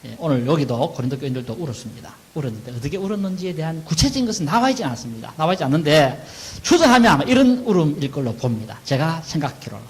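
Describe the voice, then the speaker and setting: Lively Korean male pastor preaching. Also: fairly high pitch, fast, hardly any pauses, a little hiss or hum, poor audio. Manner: acts out wailing mourners in a raised voice; asks questions and answers them himself. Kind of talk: sermon.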